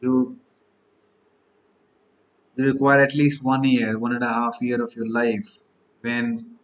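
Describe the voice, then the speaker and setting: A man's voice: medium pitch, animated, slow, highs cut off. Man giving a motivational lecture. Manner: rhetorical, piles up repeated questions and lists. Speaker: exam-prep teacher.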